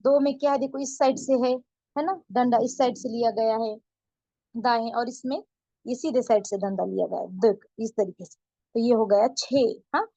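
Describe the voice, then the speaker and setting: A woman's voice: on the high side, mellow, dry recording, highs cut off. Patient woman teaching beginners. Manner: patient, repeats and checks with "है ना"; slow drawn-out counting. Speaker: Urdu teacher. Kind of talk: online beginner lesson.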